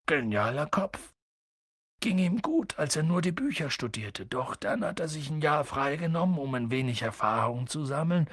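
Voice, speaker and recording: A man voicing a huge, friendly giant who talks low, gruff and clipped, often dropping to a mutter. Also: big pitch swings, moderate pace, a bit bright, no room sound, clean studio sound, heavily acted. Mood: confiding.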